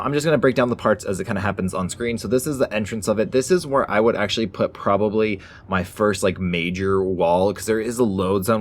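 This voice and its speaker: A man's voice: lowish voice, a little hiss or hum. A man hosting a gaming channel, giving a casual, informal top ten countdown style commentary on ranked entries. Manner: informal, folksy phrasing.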